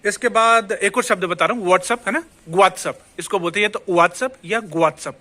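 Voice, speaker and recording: An Indian man teaching a casual language lesson, his voice pitched high and his tone bright. He talks in a chatty way, repeats the words he teaches and keeps checking that the viewer is following. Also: fast. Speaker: Spanish teacher.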